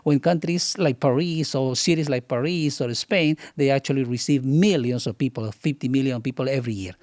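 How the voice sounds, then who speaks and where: A man's voice: medium pitch, a little fast, darkish tone, no echo. A man from Peru, a business author and keynote speaker, giving confident, explanatory answers as a studio guest. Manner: confident, explanatory, lists points.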